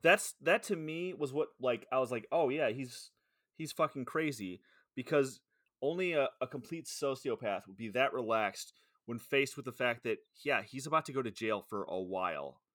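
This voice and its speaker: A man's voice: medium pitch, lively intonation, moderate pace, a bit bright, dry recording, clean studio sound. A man co-hosting a podcast in casual chat, swearing often and rambling through restarts. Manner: profane, rambling with frequent restarts.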